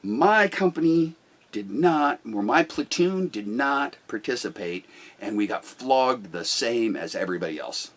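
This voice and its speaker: A loud middle-aged business owner talks about management bluntly and forcefully in casual conversation. His mid-range voice is animated and measured in pace.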